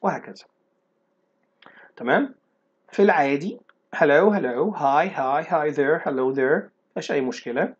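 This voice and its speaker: A young man with an Egyptian Arabic accent, teaching an online lesson and slowly repeating phrases to explain them. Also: fairly high pitch, breathy edge. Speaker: English teacher. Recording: dull lo-fi recording.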